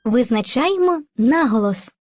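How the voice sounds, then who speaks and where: A woman's voice: on the high side, expressive, measured pace, a little hiss or hum. Woman voicing Movka, a patient teacher spirit. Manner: patient, gently instructive, addresses children fondly. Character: kind female teacher spirit Movka, personified language. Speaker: teacher and narrator. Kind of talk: educational cartoon narration and dialogue.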